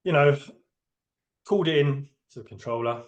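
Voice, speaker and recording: A man's voice: medium pitch, moderate pace, lo-fi sound. A man, a train driver giving a candid, hesitant personal account in a podcast interview. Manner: hesitant, open, emotionally candid.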